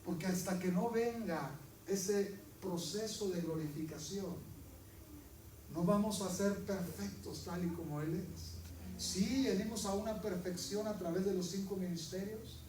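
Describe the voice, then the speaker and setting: A high-pitched male pastor preaches with fervor, calling on his congregation to repeat after him and acting out little dialogues. His voice rings through an echoey church hall, picked up from a distance. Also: unhurried, darkish tone, a little hiss or hum. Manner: fervent, leads the congregation in call-and-response; acts out prayers and dialogues in shifting voices. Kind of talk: preaching sermon.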